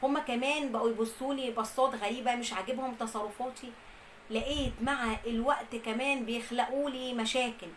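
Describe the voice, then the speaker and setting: A young woman with an Egyptian Arabic accent tells her own story at a brisk, rushing clip. Her voice sits a little high, and she speaks earnestly, piling up emphatic lists. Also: fairly bright tone, slight background noise, low-quality recording. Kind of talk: first-person storytelling.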